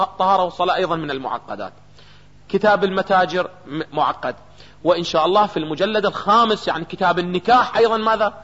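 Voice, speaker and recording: A man with an Iraqi Arabic accent gives a seminary lecture on jurisprudence, his voice sitting fairly high. He keeps quizzing the class with rhetorical questions and answers them himself. The sound is dull and lo-fi, with a long reverb trailing off the hall. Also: fairly bright tone, breathy edge. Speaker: jurisprudence teacher. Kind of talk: seminary lecture on a legal text.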